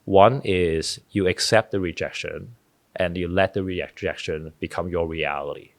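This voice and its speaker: A middle-aged man with a deep, slightly slow voice and no echo speaks as a podcast guest in a casual interview. He tells stories earnestly and frequently restarts his sentences.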